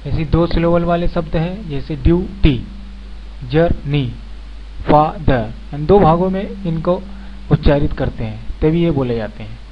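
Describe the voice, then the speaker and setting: Here a man walks beginners through English grammar in a slow spoken lesson, going point by point and saying example words more than once. His voice is on the higher side and his pace moderate. Faint background noise runs under a dull, lo-fi recording.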